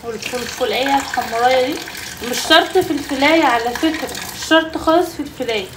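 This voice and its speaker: A woman's voice: high-pitched, fast talker, very noisy. A young Egyptian woman with an Egyptian Arabic accent, chatting to viewers in a casual cooking vlog from her home kitchen. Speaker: vlogger.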